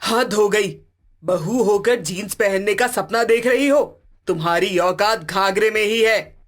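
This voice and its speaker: A woman's voice: mid-range voice, measured pace, natural voice. A woman voicing a strict, bossy middle-aged mother-in-law in a cartoon, stern and scolding.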